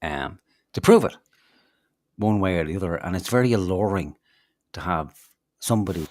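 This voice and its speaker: A man's voice: low voice, lively intonation, normal speed, a little mellow, dry recording, studio quality. A man, co-hosting a podcast, telling rambling stories in casual chat with lots of fillers, restarts and swearing. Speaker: podcast co-host.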